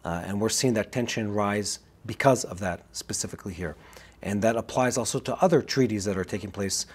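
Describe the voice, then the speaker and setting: A man co-hosting a podcast, talking through analysis quickly with frequent fillers and restarts. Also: on the low side, breathy edge. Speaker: podcast co-host. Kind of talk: casual analytical chat. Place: Israel.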